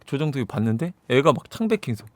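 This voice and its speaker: A man casually recapping a movie, telling it with animated energy and sound effects. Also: medium pitch, fast talker, no echo. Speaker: movie reviewer.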